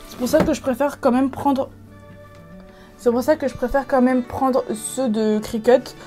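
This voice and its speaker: Chatty French crafter, mellow voice. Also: female voice, high-pitched, fairly even intonation, measured pace, soft background music. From France. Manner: chatty, many fillers and restarts. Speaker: craft video creator. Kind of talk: casual crafting tutorial.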